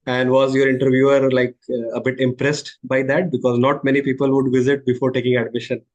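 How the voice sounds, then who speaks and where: A man's voice: mid-range voice, flat delivery, fairly quick, dull audio. Affirming male podcast host. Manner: affirming, often repeats "sure, sure" before questions. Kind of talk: casual interview conversation.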